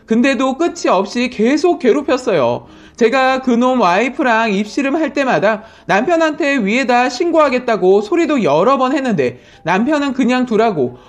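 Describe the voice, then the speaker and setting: A woman reading a listener's story aloud, telling it in an indignant, expressive way. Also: on the high side. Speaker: story reader.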